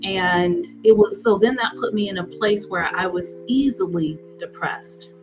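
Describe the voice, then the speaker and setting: A woman in her forties, a guest in an interview, telling her story earnestly with halting restarts. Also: mid-range voice, music in the background, poor audio. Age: 40s.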